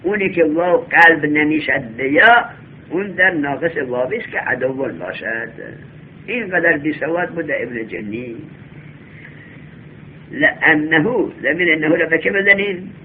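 Male teacher, classroom lesson, reads slowly then explains and quizzes, somewhat high voice, tinny lo-fi sound with faint hum. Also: animated. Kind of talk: classroom lesson on Arabic grammar.

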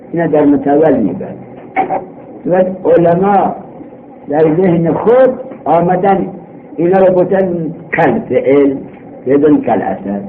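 A man teaching a grammar lesson, reading a text aloud in drawn-out phrases, explaining it and asking his own questions, on an old worn tape. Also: a little high. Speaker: teacher in a religious seminary. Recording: old worn tape, muffled narrow band, faint noise.

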